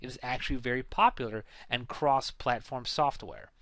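A man's voice: medium pitch, normal speed, fairly bright tone, no echo. A man narrates a computer how-to slideshow in a plain, instructive tone. His voice sits in a middle register. The recording is close and dry, with no room sound. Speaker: tech tutorial narrator.

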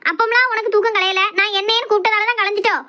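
A woman with a Kanyakumari Tamil accent playing a loud, dramatic sister-in-law who keeps accusing her family in a comedy skit. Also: extremely high pitch, fairly even intonation, very fast.

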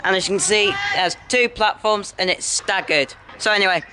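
A young Englishman with a high-pitched voice, speaking at normal speed, narrates a casual train-spotting vlog into a handheld camera on outdoor railway platforms. He's upbeat and chatty, signing off with "enjoy," while loud station and train noise fills the recording.

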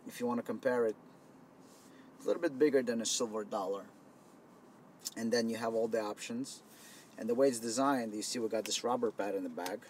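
A man giving a loose, conversational product demo inside a car, explaining as he goes, recorded on a camera mic. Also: medium pitch. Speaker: product demonstrator. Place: inside a car, partly outdoors in wind. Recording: faint wind noise on camera mic.

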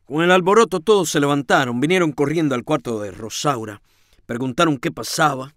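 A man giving a dramatic first-person reading of a novel, swinging from hushed tones to shouting. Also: fairly high pitch, brisk, no echo, studio quality. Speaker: audiobook reader.

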